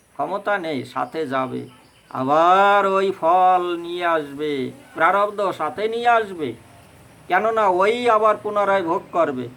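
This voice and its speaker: A man with a Bengali accent giving a fervent devotional sermon on scripture, addressing the listeners as mothers and breaking into slow chanting. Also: sits high, sharp tone, poor audio. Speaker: Bhagavata reciter.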